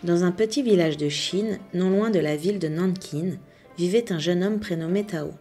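A woman reading a bedtime tale aloud in a calm, measured storytelling manner. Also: on the low side, faint music behind.

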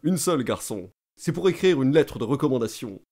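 A man's voice: mid-range voice, animated, a little fast, a little mellow. A man voicing a pompous, talkative middle-aged state councillor who lectures and boasts eagerly. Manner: self-important, eager, lecturing.

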